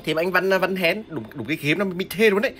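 A woman's voice: lowish voice, fast talker, a bit bright, soft background music. A woman giving live gameplay commentary, explaining her strategy and crying out and repeating words during fights. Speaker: gameplay streamer.

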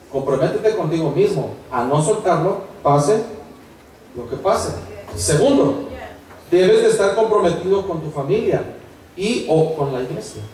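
A man's voice: fairly high pitch, a little mellow, slight background noise. A man, a pastor giving an earnest sermon that rises to fervent exhortation. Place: church hall. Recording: echoey church hall from far off.

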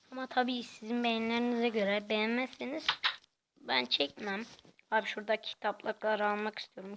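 A woman giving casual, quiet gameplay commentary in a soft, halting way. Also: a little high, vocal fry, slight background noise. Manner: talks quietly and softly; halting, hesitant delivery. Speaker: gaming channel host.

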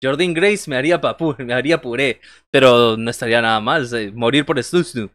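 A man's voice: mid-range voice, brisk, fairly bright tone, no echo, studio quality. A man in his thirties doing casual wrestling commentary on a livestream, joking and conversational as he talks with viewers. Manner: joking, conversational, reacting to chat and calling moves. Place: small bedroom, indoors.

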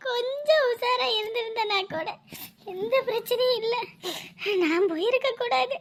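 A woman plays a distraught middle-aged mother in a TV drama who wails and pleads through her tears. Her voice sits very high and thin. Each line comes out as sobbing lament. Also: vocal fry, sharp tone, full character voice. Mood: despairing. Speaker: grieving mother. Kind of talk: Tamil TV drama acting.

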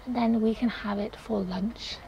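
A young woman explains her cooking as she goes, relaxed and chatty. Her voice has a light vocal fry. She is recorded by a nearby camera in a small garden shed kitchen, with faint outdoor noise behind her. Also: a little high, normal speed, muffled recording. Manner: chatty, explains each step while cooking. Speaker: cooking vlogger. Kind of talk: casual cooking demonstration.

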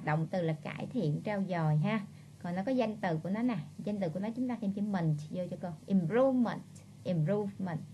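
A woman with a Southern Vietnamese accent runs a vocabulary lesson at a mid-range pitch. She drills each word by saying it over and over, slowing right down on the key ones. Her talk is peppered with friendly prompts that nudge the class along. A faint noise sits under her voice. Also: a little mellow. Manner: drills words by slow repetition, coaxing chatty tag words. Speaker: English teacher.

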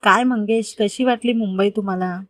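A woman's voice: mid-range voice, moderate pace, dry recording, clean studio sound, natural voice. A woman voicing a kind, confident grown man who patiently coaxes a boy, in a read-aloud story. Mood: kind, coaxing. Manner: patient, gently persuasive explaining.

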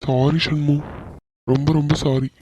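A man's voice: fairly high pitch, little pitch movement, mellow, slight background noise, natural voice. Man voicing a hot-tempered young husband. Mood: remorseful. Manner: emotional, quick to anger and to apologize. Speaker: voice actor. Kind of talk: animated cartoon dialogue. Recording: dull, dry lo-fi recording.

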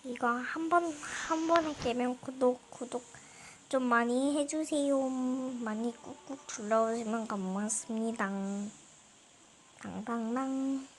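A woman's voice: a little high, fairly even intonation, a little slow, slight background noise. A woman hosting her own gameplay video with casual commentary, talking in a playful, cutesy way and often muttering or exclaiming to herself. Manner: cutesy, playful greetings with little singsong interjections; mutters and exclaims to self while playing.

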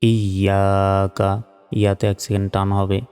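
A man teaching recitation, chanting slowly drawn-out phrases and breaking in with quick spoken explanations of pronunciation. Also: on the low side, steady tone, dark tone, big-room sound, soft background music.

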